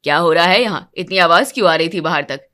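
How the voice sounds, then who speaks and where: A weary cartoon husband, voiced by a woman lowering her pitch. He speaks softly and wearily in a bright, clear tone. Everything comes out low-key and a little grumbling. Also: normal speed. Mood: reasoning. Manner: subdued, low-key, quietly complaining. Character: weary grown man, soft-spoken husband. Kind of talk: animated storybook voice acting.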